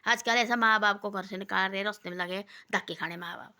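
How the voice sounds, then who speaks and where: A woman spins homespun moral tales in a loose, repetitive way, often circling back to the same point. She drops lower and softer when she quotes the people in her stories. Her voice is bright and forceful, with a steady mid pitch. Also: brisk. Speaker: storyteller giving moral talks. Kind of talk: casual moralizing folk storytelling.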